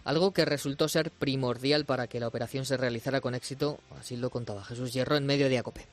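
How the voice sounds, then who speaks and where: A man presenting a news story on the radio in a clear, storytelling way. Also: medium pitch, fairly even intonation, quick pace. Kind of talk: scripted news narration.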